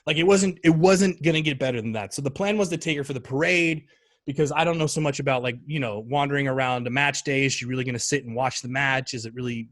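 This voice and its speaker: A man in his thirties telling a story in casual podcast chat, animated and acting out quoted lines in a higher voice. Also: fast talker. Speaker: podcast guest.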